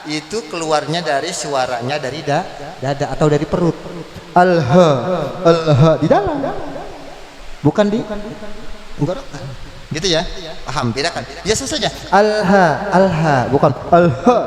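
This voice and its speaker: A man teaching Quran recitation rules in a mosque, breaking into slow chanted verses and quizzing his students. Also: fairly high pitch, big pitch swings. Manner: quizzes the class. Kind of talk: tajwid lesson with chanted recitation. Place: large mosque hall. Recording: echoey mosque hall with crowd.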